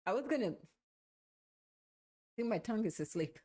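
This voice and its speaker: A woman's voice: mid-range voice, lively intonation, moderate pace, warm tone, breathy edge. A woman co-hosting a casual live chat in a plain-spoken, conversational way. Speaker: livestream co-host.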